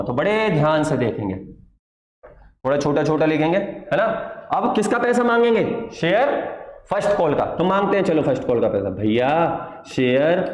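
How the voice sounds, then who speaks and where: A high-pitched male teacher lectures patiently, posing questions and answering them himself. He drags out dictation word by word so students can copy. The room is echoey, with a long reverb tail. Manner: patient, calls students "my child". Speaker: accounts teacher. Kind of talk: classroom lecture.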